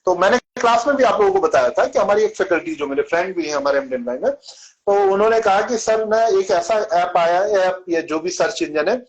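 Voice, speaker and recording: A man with a notably high-pitched voice speaks on a video call. He explains patiently, repeating syllables to show how each sound is made. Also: animated, a little fast, dull audio. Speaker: Sanskrit and yoga teacher. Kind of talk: explanatory online Q&A answer.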